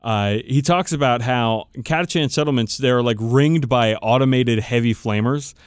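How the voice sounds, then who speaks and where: A man with a medium-pitched, clear, resonant voice speaks at a moderate pace in a dry, clean studio recording. He's co-hosting a podcast, chatting casually and enthusiastically about tabletop game lore, profane and informal, with plenty of swearing.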